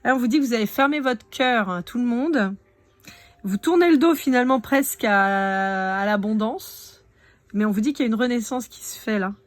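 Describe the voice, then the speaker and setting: A woman's voice: fairly high pitch, moderate pace, no room sound. Chatty woman reading cards. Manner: chatty, speaks directly to viewers. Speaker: tarot card reader. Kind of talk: casual live oracle card reading.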